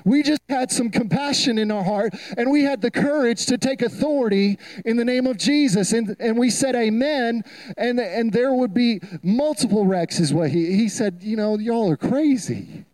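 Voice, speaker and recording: A man's voice: extremely high pitch, normal speed, a little mellow, poor audio. A man preaching a sermon, telling a story with emphatic repetition. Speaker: pastor.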